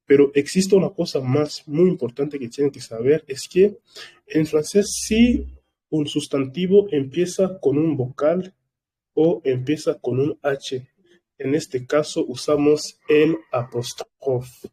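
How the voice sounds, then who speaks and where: A man teaching an online French class. He speaks slowly and patiently, in a very dark, husky voice, and keeps checking that his students follow. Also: fairly high pitch. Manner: slow, patient explanations with frequent "vale?" check-ins. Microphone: computer microphone.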